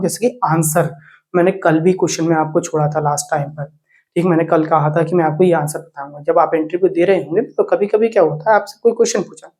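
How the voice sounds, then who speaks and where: A man lecturing fast and earnestly, his voice sitting high. He drops in English terms and keeps checking in with short confirmations. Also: a little mellow. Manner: rapid, repetitive, peppered with "theek"; mixes Hindi with English words. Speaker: teacher. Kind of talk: exam coaching talk.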